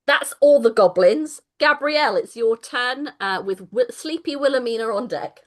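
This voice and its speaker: A woman narrating as game master of a tabletop game, playful and quick to laugh. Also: a little high, expressive. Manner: playful, laughs often, drops into silly character voices.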